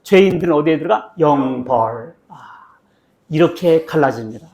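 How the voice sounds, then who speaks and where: Man, pastor, somewhat high voice, church sermon, question-and-answer delivery, slow scripture reading. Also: lively intonation, a little mellow. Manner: quizzes the congregation, then answers himself. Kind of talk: sermon with call-and-response Bible reading. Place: church sanctuary.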